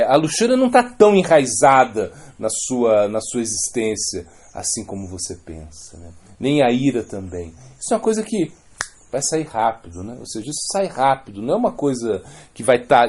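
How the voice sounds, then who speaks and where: A man with a Brazilian Portuguese accent speaks at a devotional gathering, and his voice rises and falls a lot. The tone is mellow and relaxed. He talks in a casual, rambling way, checking in with his listeners as he goes. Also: medium pitch, moderate pace. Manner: conversational, keeps adding "né?" and restarting phrases. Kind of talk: spoken religious talk with storytelling.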